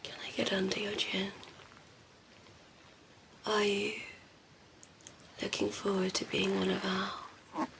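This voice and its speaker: A woman plays a cheeky female vampire, murmuring and whispering slowly in a creaky, breathy, mid-range voice that stays monotone and often sinks to a whisper. In close ASMR roleplay style, she coos at humans with teasing, condescending fondness, sounding both playful and soothing. Noticeable background noise runs beneath her.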